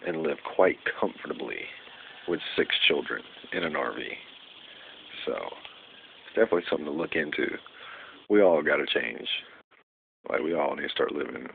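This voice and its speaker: A young man rambling casually in a vlog, full of fillers and losing his train of thought. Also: very deep voice. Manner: rambling, loses track, many fillers. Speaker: vlogger. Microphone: phone. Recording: tinny phone recording with faint noise.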